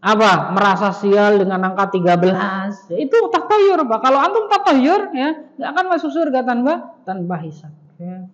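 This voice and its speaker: A man's voice: sits high, lively intonation, normal speed, a bit bright. Man teaching in an echoey mosque. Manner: conversational, joking, rhetorical questions to the audience; fills phrases with "ya" and "nah". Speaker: Islamic teacher. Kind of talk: religious study lecture. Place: mosque hall. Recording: reverberant mosque hall, dull lo-fi sound.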